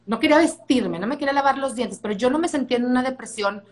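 A woman's voice: high voice, quick pace. A woman with a Mexican accent hosting a podcast interview, talking frankly in a conversational way. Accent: Mexican Spanish. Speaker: podcast host. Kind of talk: casual interview chat.

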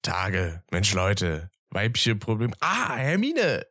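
A man's voice: lowish voice, huge pitch swings, slow pace, pushed and bright, dry recording, studio quality, full character voice. A man voicing a joking, teasing young wizard in a fan audio drama. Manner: teasing, laughing, sulky.

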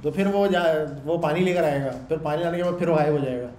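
A man, lecturing a class loudly in a conversational way and often checking in with the students. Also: a little high, fast. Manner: loud, conversational teaching with frequent check-ins to the class. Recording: echoey room with faint background noise.

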